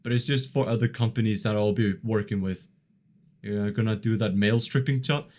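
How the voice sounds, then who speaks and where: A man in his early twenties chatting casually on a live stream, reading chat and laughing often in a relaxed, rambling way. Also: on the low side, normal speed. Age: 20s. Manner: laid-back, chuckles often, filler-heavy rambling.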